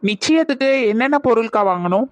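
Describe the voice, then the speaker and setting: A polite young married neighbor in a cartoon, played by a woman, earnest and chatty. Her voice sits a little high. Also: lively intonation, fast talker, soft background music, close to an everyday voice.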